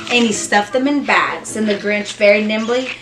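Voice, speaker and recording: In a mid-range voice at normal speed, a woman performs a rhyming children's story with expressive, singsong delivery and dramatic emphasis. There's music in the background and a noticeable room echo.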